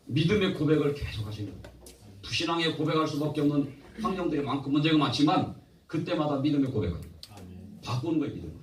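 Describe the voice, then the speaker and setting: A man's voice: mid-range voice, far from the mic, a little hiss or hum. Male pastor preaching in an echoey church. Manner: humorous, plays with regional dialects; exhorting, draws amens from the congregation. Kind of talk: sermon. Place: church sanctuary.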